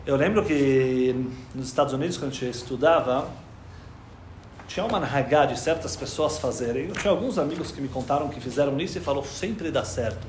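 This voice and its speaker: A man telling a long religious story to an audience. He acts out each character's lines, dropping to a hush and then rising to loud cries. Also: mid-range voice, brisk, roomy sound, a little hiss or hum. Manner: lively storyteller, acting out dialogue with quoted voices, swings from hushed to loud.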